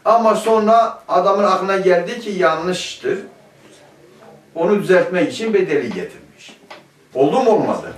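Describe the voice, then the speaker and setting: A man's voice: high voice, expressive, moderate pace. A man teaching a grammar lesson, asking his class questions and answering them himself. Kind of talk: classroom lecture. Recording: echoey room, mic at a distance.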